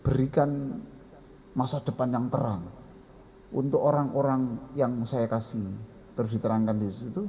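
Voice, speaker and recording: A man's voice: mid-range voice, fairly even intonation, moderate pace, pauses often, mellow, lo-fi sound, slight background noise. A man with a Javanese accent preaching a folksy sermon and speaking directly to his listeners. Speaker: Islamic preacher.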